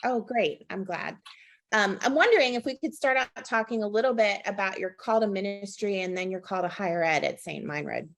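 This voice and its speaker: A woman with a medium-pitched voice hosts a conversational interview, asking the questions at a slightly fast pace.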